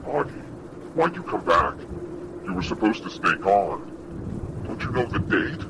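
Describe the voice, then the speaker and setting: A man's voice: lowish voice, big pitch swings, unhurried. A man playing an anonymous caller whose voice is altered by an electronic voice changer, urgent and pleading, heard over a phone line. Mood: frantic warning. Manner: urgent, pleading, swinging from hushed to shouting. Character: frantic anonymous male caller, warning desperately. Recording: noisy late-night phone call.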